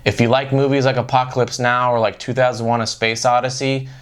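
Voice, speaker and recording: A man's voice: medium pitch, level tone, brisk, clear, resonant tone. A man in a casual film review chat as host, talking in a slangy, profane way full of filler words.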